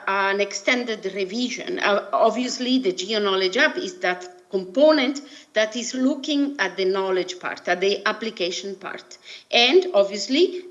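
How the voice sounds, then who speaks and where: A woman from Italy with an Italian accent gives a formal, haltingly phrased presentation over a video call. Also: mid-range voice, fairly bright tone. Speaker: presenter at an online workshop. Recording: dull, muffled video-call audio.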